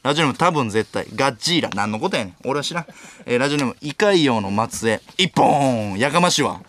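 Fast-talking Kansai man, radio tsukkomi. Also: mid-range voice, expressive, slight background noise. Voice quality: sharp comedic retorts, Kansai tsukkomi. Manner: rapid-fire reading and snapping back. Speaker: radio host reading listener mail. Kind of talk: late-night radio solo talk. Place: radio studio. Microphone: studio microphone.

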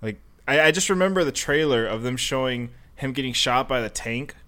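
A man's voice: medium pitch, lively intonation, brisk, fairly bright tone. A young man hosting a podcast, chatting casually and telling stories with an easygoing manner. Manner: easygoing, full of fillers and restarts when telling stories. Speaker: podcast host. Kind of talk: casual chat.

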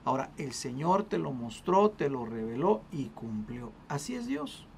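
A co-host retelling a Bible story in a casual faith discussion, animated and full of restarts, acting out the people in it. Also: medium pitch, unhurried, creaky, a little hiss or hum. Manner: acts out quoted voices.

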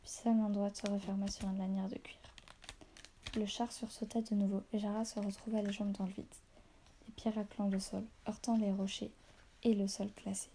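A woman reading a novel aloud in a soft, half-whispered voice, stopping now and then to correct small slips. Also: mid-range voice, flat delivery, moderate pace, a little hiss or hum.

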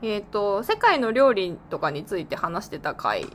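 A woman's voice: medium pitch, very animated, moderate pace, a little hiss or hum. A woman from Gifu co-hosting a podcast, chatting casually with laughter and reading listener letters aloud. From Gifu, Japan. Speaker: podcast co-host. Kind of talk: casual chat.

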